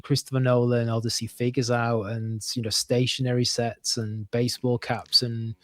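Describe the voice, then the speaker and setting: A man's voice: medium pitch, level tone, moderate pace, no echo, studio quality. A man co-hosting a podcast, speaking in rambling, wry asides, often stopping and restarting mid-sentence. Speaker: podcast co-host. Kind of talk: casual conversation.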